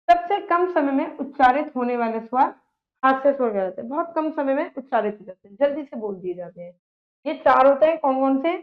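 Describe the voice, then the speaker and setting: With a high voice, a female teacher gives a grammar lesson, posing her own questions and answering them. She checks in often with "okay" and recites letters slowly and emphatically. The recording is dull and lo-fi.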